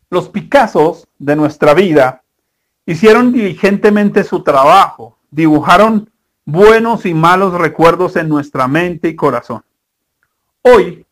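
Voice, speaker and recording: A man preaching a sermon as a guest pastor, earnest and slow with emphatic pauses. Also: high-pitched, a bit bright.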